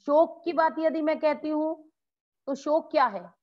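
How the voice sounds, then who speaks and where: Woman teacher explaining grammar to a class, acts out examples, answers her own questions; slightly high voice on a muffled recording. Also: unhurried. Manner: acts out example exclamations with lively swings in tone. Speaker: school Hindi teacher.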